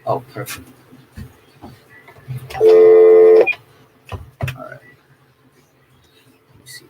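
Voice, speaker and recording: A man on a show crew, talking in an offhand, muttering way during setup. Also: extremely slow. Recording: distant mic with loud background noise.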